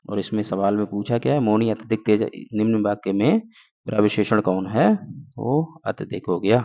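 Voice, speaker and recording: Warm and on the low side with vocal fry, a man's voice moves at a moderate pace through an exam-prep grammar lesson. He explains step by step and answers his own questions, captured in a dull lo-fi recording.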